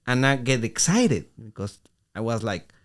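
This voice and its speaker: A middle-aged man co-hosting a podcast, telling an animated story in casual talk with halting restarts. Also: medium pitch. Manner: animated, acts out quoted voices, halting restarts. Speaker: podcast co-host.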